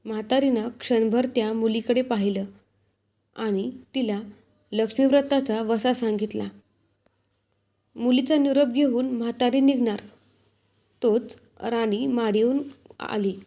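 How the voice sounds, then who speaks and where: A woman narrates a devotional folk tale in a measured, deliberate way. Her voice sits slightly high but sounds dark and mellow, and her pace is very slow. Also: fairly even intonation. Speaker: storyteller.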